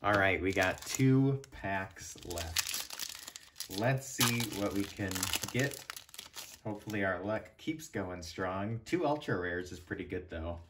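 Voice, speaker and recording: A young man with a slightly low voice talks informally to his viewers. He comes across as a laid-back channel host giving easygoing commentary on what he is opening. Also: lively intonation, slow pace, noisy background. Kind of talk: casual unboxing commentary.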